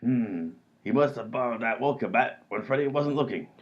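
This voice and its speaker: In a comedy radio play, a man plays a dim, bumbling robber who is blustering and self-assured. His mid-range voice sounds natural at a normal speed, on dull lo-fi audio.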